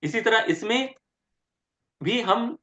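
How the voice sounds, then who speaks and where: A man teaching Arabic grammar step by step in an online lecture, repeating word forms slowly and often checking with "ठीक है?". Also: high-pitched, lively intonation, pushed and bright. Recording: roomy, dull lo-fi sound.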